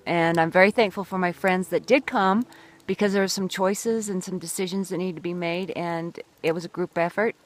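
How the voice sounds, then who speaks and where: A woman leading a group hike, chatting to the camera on a mountain trail, upbeat and thankful. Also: lowish voice. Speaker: hike leader filming a trail vlog. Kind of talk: casual outdoor vlog narration.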